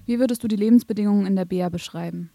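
A woman interviewer asks her questions quickly and directly. Her voice is warm and mellow, and it sounds dry and close. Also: medium pitch, vocal fry, no room sound.

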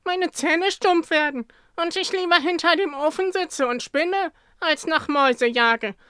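A storyteller voicing a gloomy old cat in a high, whiny, complaining voice. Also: measured pace, sharp tone, dry recording, studio quality, exaggerated voice. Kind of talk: storybook reading.

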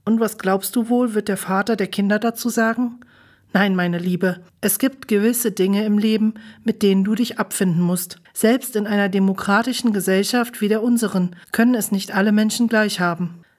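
A woman's voice: medium pitch, fairly even intonation, normal speed, natural voice. Lady reading a strict mum laying down the law, matter-of-fact, storybook style. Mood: lecturing. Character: stern middle-aged mother lecturing her daughter.

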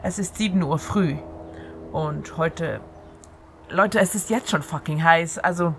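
A woman whose voice sits low speaks unhurriedly as host of a free radio show, keeping her monologue conversational and aimed at the listener. The recording carries clear outdoor sounds through an open window.

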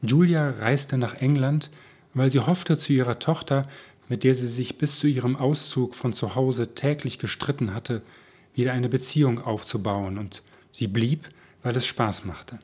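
Husky-voiced guy reading his own story out, calm and steady. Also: medium pitch. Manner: calm, measured. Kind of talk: scripted narration.

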